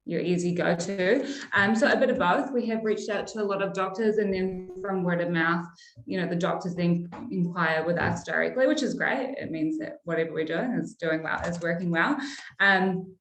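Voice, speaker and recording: A young adult woman from Iraq, a pharmacist turned sales manager, talks through her work in a friendly, casual way, often pausing on ums. Her voice sits slightly low for a woman, and the room gives it a noticeable echo. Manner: friendly, chatty, frequent ums. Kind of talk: casual interview answers. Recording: roomy echo.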